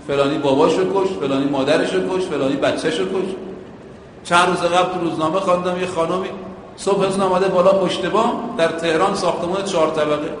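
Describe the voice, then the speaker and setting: A man's voice: sits high, a little hiss or hum. A male preacher giving a sermon, using everyday driving comparisons and chanting quotations in Arabic. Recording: echoey hall with a long reverb.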